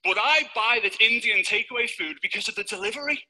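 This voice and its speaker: A man giving a high-energy, playful motivational talk on stage to a live audience. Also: quick pace, sharp tone, low-quality recording. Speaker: motivational speaker.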